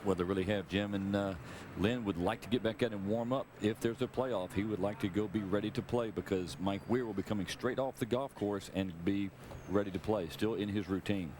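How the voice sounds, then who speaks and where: Low-voiced male golf commentator, noisy broadcast. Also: brisk, hardly any pauses. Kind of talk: live golf commentary, analysis. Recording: noisy old VHS broadcast.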